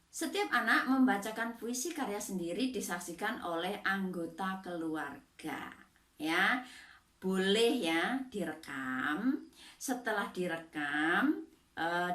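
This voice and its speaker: A middle-aged woman teaches a class, explaining step by step and checking in with a soft "ya" after each point. Her voice sits slightly low, and it comes from some distance off the mic in a roomy, echoing space. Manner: patient, adds tag "ya" often, fillers. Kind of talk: classroom lesson explaining slides.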